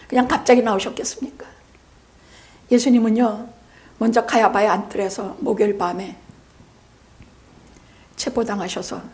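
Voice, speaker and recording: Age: adult. Sex: woman. Role: pastor. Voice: fairly high. Style: dramatic sermon that sinks to hushed whispers and climbs to emphatic peaks. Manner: vivid storytelling with sound words.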